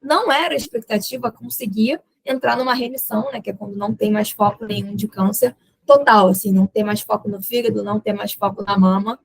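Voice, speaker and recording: A woman's voice: medium pitch, fairly quick, gravelly, rough recording. A young adult woman with a Brazilian accent, a podcast guest telling a personal story and acting out the dialogue in it. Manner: lively retelling that acts out quoted dialogue, with laughs.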